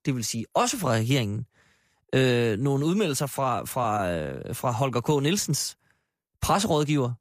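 A man's voice: mid-range voice, very animated, dry recording, studio quality. A man hosting a political panel discussion, asking probing questions and acting out imagined statements. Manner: probing, acts out imagined quotes. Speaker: host.

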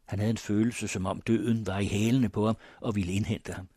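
Husky low-voiced male narrator. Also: fairly even intonation, mellow, dry recording, studio quality. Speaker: audiobook narrator. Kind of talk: scripted narration.

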